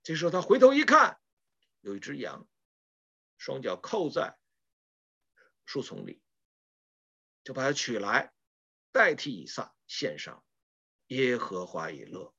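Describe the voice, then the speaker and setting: A woman's voice: extremely low pitch, wildly swooping pitch, measured pace, long pauses, pushed and bright, husky, muffled recording. A woman preaching a sermon, retelling scripture stories with emphatic rhetorical questions.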